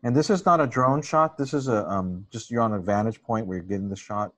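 Host, male, low-ish voice, gushing and casual, laptop mic at home. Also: brisk, fairly bright tone. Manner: enthusiastic, effusive, searching for words. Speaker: host interviewing a photographer. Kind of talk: casual video call chat.

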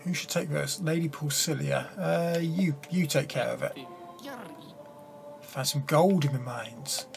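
A young man casually commentating as he plays a game, reading its text aloud and thinking out loud hesitantly. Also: on the high side, unhurried, creaky. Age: young adult. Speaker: gamer playing and commenting on a card game. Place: small room indoors at a desk. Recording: game music behind the voice. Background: game music.

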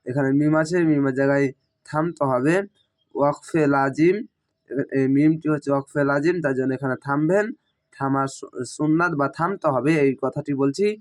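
This is a man giving a patient recitation lesson, with a voice that sits a little higher than most men's. He breaks each word into its syllables, then chants the whole word slowly and stretched out. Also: a little mellow. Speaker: Quran reading teacher.

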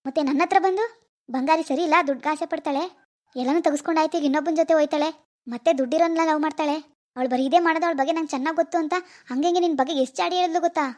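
A woman voicing an anxious teenage village schoolgirl in a cartoon, fretting in hushed scheming asides. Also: high voice, very fast, close to an everyday voice. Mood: tearful complaint. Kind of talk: cartoon voice acting.

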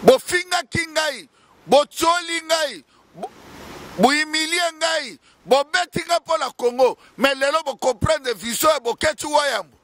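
A man in his forties giving an impassioned political address to camera in a city square, speaking into a handheld microphone with forceful, declamatory delivery. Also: very high-pitched, unhurried. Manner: fiery, declamatory, shouting at times, gesturing. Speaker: activist news presenter. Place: city square outdoors, winter. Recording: street noise behind.

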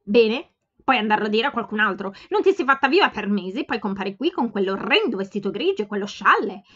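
A blunt, outspoken young woman presses her point with forceful insistence, as a woman reader puts her on. Her voice sits at an ordinary mid pitch. The home recording sounds slightly dull. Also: big pitch swings, brisk. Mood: insistent.

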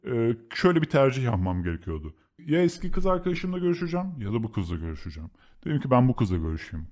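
A man's voice: mid-range voice, a little mellow. A young man from Turkey telling a personal story as a podcast host, in a blunt, slangy way that swears freely. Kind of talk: casual confessional storytelling.

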